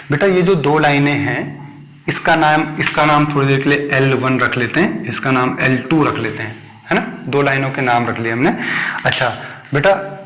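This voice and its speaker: Patient maths teacher, echoey room. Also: male voice, fairly high pitch, a bit bright, slight background noise. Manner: patient, repeats points and checks understanding with the class. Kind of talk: whiteboard maths lesson for children. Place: classroom at a board.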